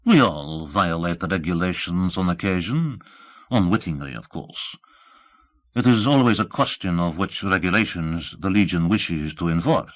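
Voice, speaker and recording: A male narrator gives a lightly acted, low-pitched storybook performance as an immense French hotel concierge, complete with a French accent. The character is pompous, florid, and dignified, slyly flattering in an evasive, sly mood. The pace is normal and there's no room sound.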